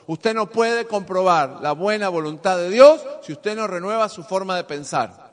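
High pitched guy preaching in church, goes soft then loud, big reverb. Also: animated, moderate pace. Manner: preaching with call-and-response, swinging from soft asides to loud emphasis. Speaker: pastor. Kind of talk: sermon. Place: church hall with congregation. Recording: long hall reverb.

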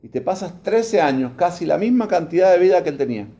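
Preaching man with a lively voice. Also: sits high, fast talker. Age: over 44. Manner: preaching, asks the congregation questions; reads scripture aloud. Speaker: pastor. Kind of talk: sermon.

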